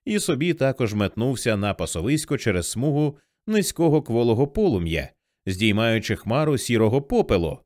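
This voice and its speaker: Male audiobook narrator, mid pitch, lively expressive read, dry close mic. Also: dry recording. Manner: vivid, expressive storytelling.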